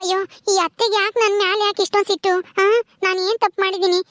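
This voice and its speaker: A woman voicing a gentle young wife who pleads earnestly with her mother-in-law. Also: very high-pitched, little pitch movement, fast talker, dry recording. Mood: pleading.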